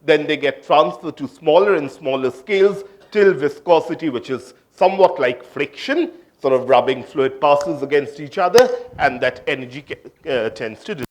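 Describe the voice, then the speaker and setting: A man's voice: a little high, lively intonation, normal speed, hardly any pauses. A man from India giving an academic conference talk on physics, hesitant, with many fillers and restarts. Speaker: physics lecturer.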